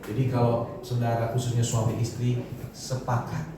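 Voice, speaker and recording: A man's voice: mid-range voice, a little fast, music in the background. A middle-aged man from Indonesia, a pastor preaching a sermon in a casual, conversational way with chuckling asides. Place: large church hall. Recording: echoey hall heard from far off.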